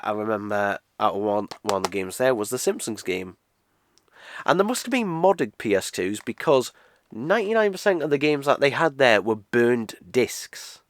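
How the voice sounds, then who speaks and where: A British man in his twenties, his voice lowish and nasal from a cold, rambles through a casual game unboxing review full of uhs and restarts. The recording is clean studio sound with no echo.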